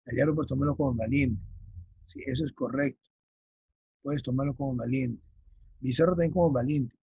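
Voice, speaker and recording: A man teaching a vocabulary lesson, his voice very husky and gravelly. He speaks a little higher than most men and keeps asking his class whether they follow. The sound is dry and close, with no room around it. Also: darkish tone, no echo, highs cut off. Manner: checks understanding with frequent "ya?"; slow, emphatic dictation of key terms. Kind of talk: vocabulary lesson for exam prep.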